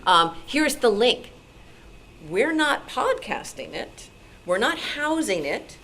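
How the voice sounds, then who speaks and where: An American woman speaks informally and enthusiastically at a club meeting, fielding questions as a radio programmer. Her voice is a little high and fairly bright, with big pitch swings and a slow pace. The live meeting-room recording is noisy.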